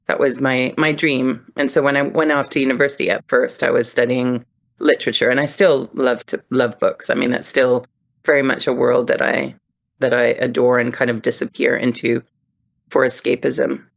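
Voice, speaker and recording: A woman's voice: a bass voice, little pitch movement, normal speed, gravelly. A middle-aged woman raised across Europe, answering interview questions in a thoughtful, reflective way and laughing easily. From Europe (Netherlands, France, Germany). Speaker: podcast guest.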